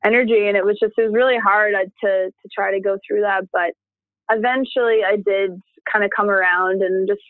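A woman tells her story in a casual, chatty way and acts out the words people said. The sound is dry and tinny, like a phone call. Her pitch sits in a middle range. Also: steady tone, fairly quick, no echo. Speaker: interviewee. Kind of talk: casual conversation.

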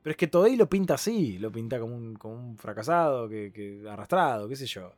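A man with a Rioplatense accent co-hosting a casual podcast chat, lively and laughing often while acting out quotes. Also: mid-range voice, brisk, faint music behind. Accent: Rioplatense Spanish. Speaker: podcast co-host.

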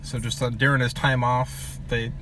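A man interviewing a guest in a relaxed, casual way, laughing often and asking short questions. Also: mid-range voice, normal speed, noisy background.

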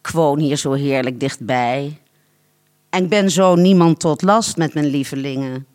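A storyteller voicing a wealthy, self-satisfied older woman who talks in a languid, drawn-out way in a storybook reading. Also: mid-range voice, darkish tone, lightly acted. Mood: gushing.

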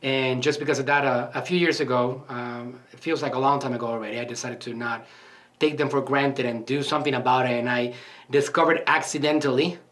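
Medium in pitch, brisk and fairly bright, with fairly even intonation, this voice belongs to a man running a marketing agency. He gives motivational podcast talk and interview answers in an earnest, emphatic style with plenty of fillers.

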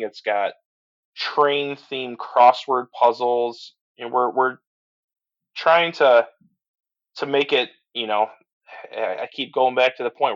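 A man's voice: mid-range voice, a bit bright. A middle-aged man chatting as a podcast guest, enthusiastic, full of restarts and "you know"s. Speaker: podcast guest, transport business owner. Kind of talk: casual interview chat. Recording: slightly dull lo-fi audio.

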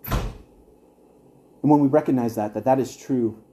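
A man's voice: medium pitch, slow pace, mellow. A young man teaching an evangelism class at church, earnest and conversational, with wry asides to his listeners.

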